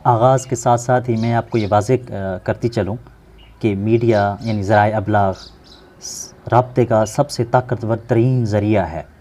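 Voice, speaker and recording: A man teaching an English lesson, slowly translating word by word and repeating each meaning with synonyms. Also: on the low side, fairly even intonation, a little mellow. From Pakistan. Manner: slow, explanatory, repeats words and gives synonyms.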